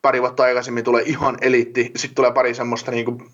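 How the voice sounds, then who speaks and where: A man's voice: mid-range voice, little pitch movement, a bit bright, dull audio. A man talking hockey in a casual podcast chat, rambling with many restarts and fillers.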